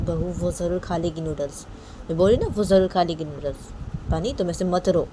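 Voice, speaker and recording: A gentle but firm older aunt, voiced by a woman keeps reassuring someone, saying the same thing again and again. She speaks softly and low, with the odd rise when she presses a point. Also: brisk, background noise, close to an everyday voice. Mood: soothing. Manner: soothing, repeats herself insistently.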